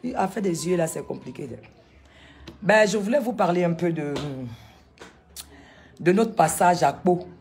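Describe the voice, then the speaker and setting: A woman, vlogging casually from a sunny village outdoors on a handheld phone, animated and talkative, firing back at critics. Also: lowish voice, measured pace, pauses often, slight background noise. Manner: animated, chatty, retorts to critics. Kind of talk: casual vlog tour.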